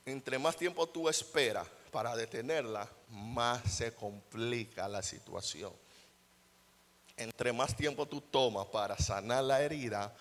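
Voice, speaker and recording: A young adult male pastor preaching a sermon, dropping to quiet asides and rising to loud, high, mocking outbursts. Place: church hall. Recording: long church hall reverb.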